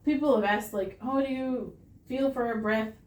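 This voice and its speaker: A woman's voice: on the high side, normal speed, a little mellow. A woman teaching a hands-on CPR class, patient and practical, encouraging her students. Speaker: CPR instructor. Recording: roomy classroom sound.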